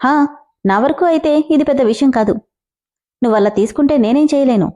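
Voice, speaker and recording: A woman's voice: sits high, fairly quick, warm tone, highs cut off, close to an everyday voice. Woman voicing a cold, arrogant young husband.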